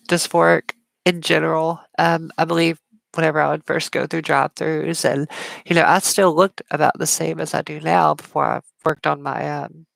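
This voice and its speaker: A woman's voice: sits low, creaky, dry recording. A woman hosting a casual live Q&A stream, talking chattily with frequent fillers, smiling as she speaks, with strongly sibilant S sounds. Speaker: livestream host.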